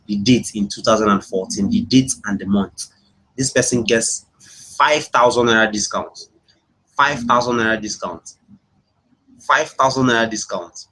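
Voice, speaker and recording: The audio is poor as this internet marketing coach from Imo State, Nigeria, runs a casual live webinar, talking with his online viewers and frequently repeating himself. He has a Nigerian accent and a husky, fairly low, slightly bright voice.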